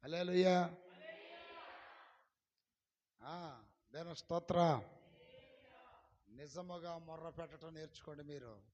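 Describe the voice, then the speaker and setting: A male pastor preaching a sermon, pressing the congregation with questions and swinging from quiet talk to loud shouts. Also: fairly high pitch, dull audio, slight background noise.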